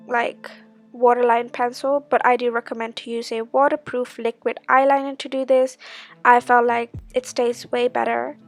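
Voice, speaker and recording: A woman's voice: fairly high pitch, gravelly. A woman giving a casual, chatty makeup tutorial, explaining step by step. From Sri Lanka.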